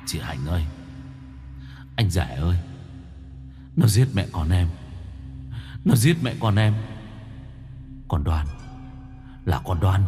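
A man voicing the hushed, low ghost of a murdered young man. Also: lively intonation, slow pace, long pauses, big-room sound, soft background music. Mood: accusing.

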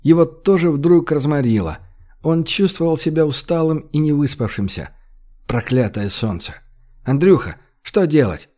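A man reading an audiobook in an even, steady storytelling manner. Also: fairly high pitch, moderate pace. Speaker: audiobook reader. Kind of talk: audiobook narration.

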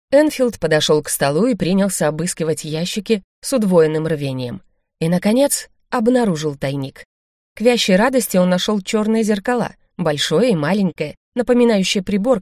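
A woman narrating an audiobook in a steady, even storytelling manner. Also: fairly low pitch, dry recording, studio quality. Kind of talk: scripted narration.

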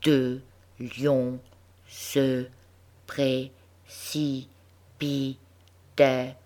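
A little orphan girl reads from a big book, stopping on every syllable in slow, careful, halting steps, as a woman narrator puts her on. The voice stays close to an everyday speaking voice, unhurried and earnest. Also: rumbling low, flat delivery, darkish tone, heavily acted.

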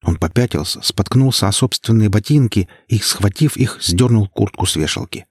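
Deep, husky male audiobook narrator. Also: lively intonation, normal speed, darkish tone, no room sound, clean studio sound. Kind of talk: scripted narration.

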